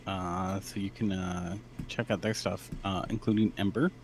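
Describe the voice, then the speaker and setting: A man co-hosting a podcast, reading out game sales in a relaxed way with many fillers. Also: low-pitched, moderate pace. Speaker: co-host reading game deals. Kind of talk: casual podcast banter.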